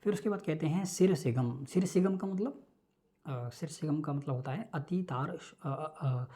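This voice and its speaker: A man giving an online lecture, explaining each term slowly with many repetitions and check-ins. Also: a little high, mellow. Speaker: Sanskrit teacher.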